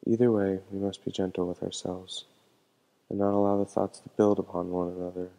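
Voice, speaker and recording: A meditation teacher with a low, creaky voice offers calm, measured guidance in a gentle, soft-edged, mellow tone. His pitch stays very even and flat, and the audio is poor.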